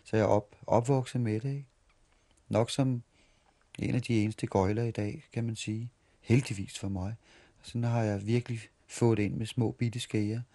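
Man in his 40s from Denmark, somewhat low voice, rambling anecdotal interviewee who stumbles and restarts. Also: steady tone, dark tone. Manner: halting, repeats and restarts words while reminiscing. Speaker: street performer interviewee. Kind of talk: storytelling interview.

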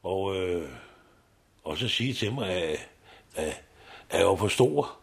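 Low-voiced older man, chatty interview. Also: lively intonation, gravelly, husky. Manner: rambling, ends remarks with tag questions. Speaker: recycling site worker. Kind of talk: casual interview talk.

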